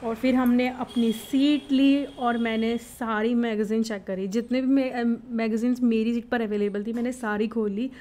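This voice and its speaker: A young woman narrating her first flight as a travel vlogger, excited and reflective, mixing in English words. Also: a little high, moderate pace, hardly any pauses.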